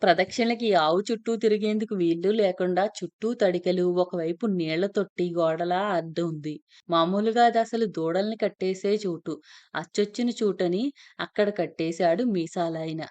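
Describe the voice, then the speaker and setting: Woman, storyteller, first-person narration, steady plain delivery. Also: lowish voice, normal speed, highs cut off.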